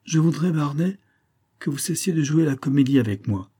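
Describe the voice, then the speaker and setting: A man's voice: on the high side, lively intonation, normal speed, mellow, husky, voice pushed up. A man reading the part of a bored, spiteful married woman, weary, sardonic and impatient, in an audiobook.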